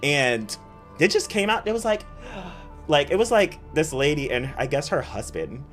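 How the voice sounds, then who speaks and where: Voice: mid-range voice, a little slow. Giggly streamer chatting to chat, voice bouncing all over, faint music behind. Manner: excitable, giggly storytelling, talks to chat. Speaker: gaming streamer. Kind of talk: casual chat while playing.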